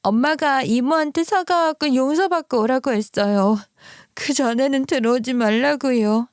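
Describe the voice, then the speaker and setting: A woman's voice: high voice, unhurried, dry recording, studio quality, voice pushed up. A woman voicing a poor, timid nine-year-old girl who pleads through tears. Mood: sobbing. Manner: pleading, sobbing childlike tone.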